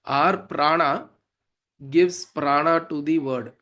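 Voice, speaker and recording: This man's voice sits on the high side, pushed and bright, with a steady tone and a slow delivery. Teaching Sanskrit devotional hymns in a South Indian accent, he explains the verses informally and didactically, checking in with questions often.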